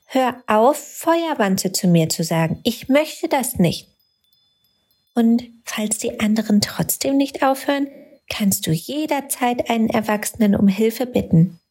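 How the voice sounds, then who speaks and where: A woman voicing a tiny, kind talking light that speaks in a soft, comforting, encouraging way. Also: a little high, animated, unhurried, husky, voice pushed up, exaggerated voice. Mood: gentle, caring.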